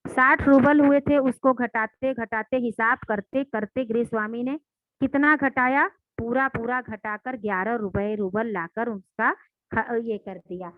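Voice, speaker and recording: Brief: woman teacher walking a class through a story, slightly high voice, dry close phone-quality recording. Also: steady tone, a little slow, no room sound, soft background music. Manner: retells and explains, asks rhetorical questions. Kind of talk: explaining a story in a lesson. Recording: dry, tinny phone-like sound.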